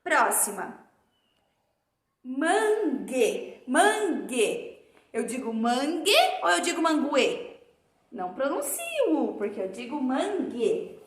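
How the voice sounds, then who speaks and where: High lively teacher woman. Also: roomy sound. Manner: slow, drawn-out sounding of words for children; affectionate, calls pupils dear. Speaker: primary school teacher. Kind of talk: remote class lesson.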